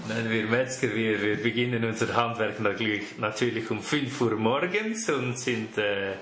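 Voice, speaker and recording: Chatty Swiss German butcher in echoey shop. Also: male voice, lowish voice, moderate pace, crowd noise. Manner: chatty, laughs easily. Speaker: butcher, fourth-generation shop owner. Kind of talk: casual interview answers. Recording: echoey room with faint noise.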